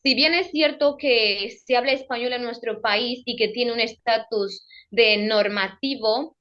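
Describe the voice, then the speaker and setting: A young radio presenter from Equatorial Guinea, with an Equatoguinean Spanish accent, speaks as a guest in a careful, measured, academic way, pausing to repeat phrases and correct herself. Her voice sits fairly high with a fairly bright tone, and the audio is dull and lo-fi, as over a remote call.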